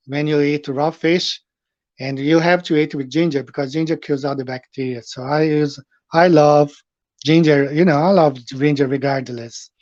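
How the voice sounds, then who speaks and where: A middle-aged Brazilian man, a native Portuguese speaker with a Brazilian Portuguese accent, hosts a casual live stream chat from his home in Japan. His higher voice has a darkish tone and a dry, dull sound with no echo. He rambles loosely, using frequent fillers and asking viewers questions.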